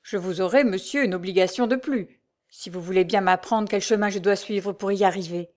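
A woman voicing a naive young provincial gentleman, speaking with formal courtesy. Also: medium pitch, brisk, lightly acted. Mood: courteous.

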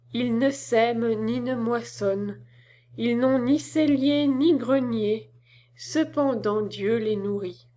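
A stern old village priest delivering scripture, solemn and exhorting, as a woman narrator recalls his words. The delivery is slow and deliberate, set in a fairly high voice. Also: warm tone.

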